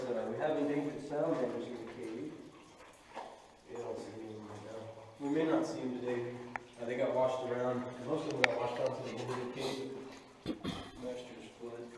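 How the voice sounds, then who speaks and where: A male tour guide talks informally, explaining as he goes with some casual hesitation. His voice rings with long, heavy cave reverb. He is picked up from far off through clearly audible noise. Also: mid-range voice. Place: inside a cave. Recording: very echoey cave, distant mic, noisy.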